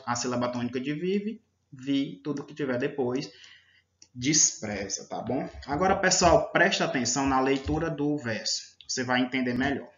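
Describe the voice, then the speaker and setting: Patient teacher, echoey and dull. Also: male voice, mid-range voice, a bit bright. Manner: patient, checks in with frequent "tá?". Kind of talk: slide lecture. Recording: echoey room, dull lo-fi sound.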